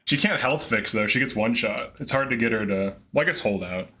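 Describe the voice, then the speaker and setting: A man co-hosting a casual gaming podcast, relaxed and quick to laugh. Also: medium pitch. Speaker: podcast co-host.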